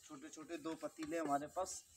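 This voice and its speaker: A man in his thirties, a truck driver, speaks at a moderate pace with a flat delivery and a slightly high voice. He's vlogging casually through an arm's-length phone camera on the road, chatty and fond of saying "brother" and "friends." Recorded outdoors near trucks and highway stops, the audio is noisy.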